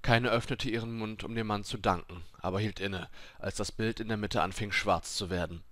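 A man reading a game story aloud in a steady, dramatic storytelling voice. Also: lowish voice, moderate pace, dry recording. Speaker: let's play narrator.

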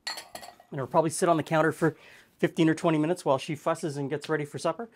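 Talking fast in a voice on the high side, this middle-aged host walks through a home cooking show casually. He keeps it relaxed and conversational, musing aloud with easy fillers as he goes.

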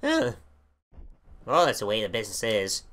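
A young man commentating a wrestling video game as he plays, excitable and full of profanity. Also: lowish voice, moderate pace, background noise. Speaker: gaming channel host. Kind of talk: let's play commentary.

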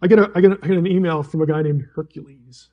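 A man's voice: a little high, fairly even intonation, rapid-fire, dull audio. A man teaching the Bible at a fellowship gathering, telling stories animatedly with frequent restarts and chuckles. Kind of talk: live talk to a gathering.

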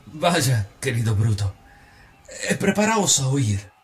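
A man in his forties recites Cassius, the scheming, persuasive Roman senator, as a stage monologue for radio drama, earnest and insistent but stumbling now and then. His medium-pitched voice is sing-song, slightly rough and pushed up, and heavily acted.

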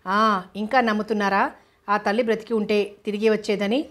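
A woman's voice: medium pitch, fairly even intonation, normal speed, fairly bright tone, close to an everyday voice. A woman voicing a spiteful orphanage maid who grumbles in a scornful manner.

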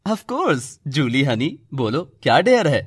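A man voicing a boastful, brash young college man in an animated serial. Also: mid-range voice, takes it slowly, noisy background. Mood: cocky.

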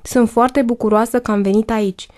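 A woman's voice: fairly high pitch, fairly even intonation, a little mellow, natural voice. A woman voicing a chirpy, enthusiastic, glamorous pregnant young woman in an audiobook.

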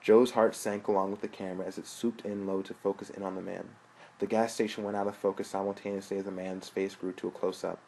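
A man narrating a story aloud in a steady, plain way. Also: low-pitched, fast talker, gravelly, slight background noise, rough recording. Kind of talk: audiobook narration.

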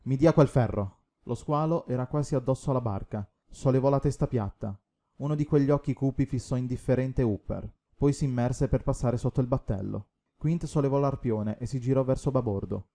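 A man reading a novel aloud as audiobook narrator in a steady, measured way. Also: mid-range voice. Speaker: audiobook reader. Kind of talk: scripted narration.

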